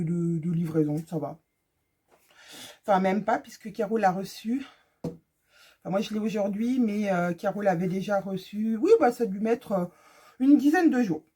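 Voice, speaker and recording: A sewing vlogger chats casually with her viewers in a fabric haul video recorded on her phone camera, joking as she shows off each fabric. Her voice is mid-range and a little mellow, with a breathy edge.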